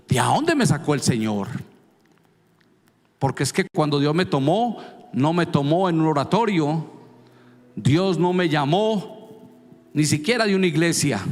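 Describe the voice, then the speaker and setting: Male pastor, fairly high voice, emphatic preaching, echoing church hall. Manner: emphatic, conversational preaching with repeated questions. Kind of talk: sermon. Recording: long reverb of a church hall.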